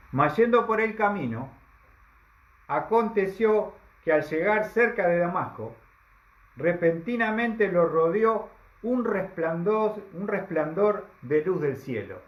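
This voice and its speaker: Emphatic high-voiced preacher in an echoey hall. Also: male voice, animated. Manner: emphatic, with dramatic slowdowns and rhetorical questions. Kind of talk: sermon. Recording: echoey, dull lo-fi sound.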